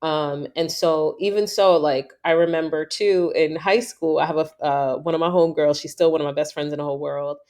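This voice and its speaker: A woman's voice: deep voice, fairly even intonation, fairly quick, few pauses, a little mellow. A woman from New York hosting a casual interview, talking in a thoughtful, conversational way. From New York, USA. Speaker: podcast host.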